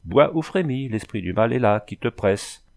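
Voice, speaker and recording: A man's voice: mid-range voice, expressive, moderate pace, vocal fry. A man voicing an old sorceress who speaks in solemn, cryptic riddles. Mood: oracular. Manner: solemn, oracular speech in riddles.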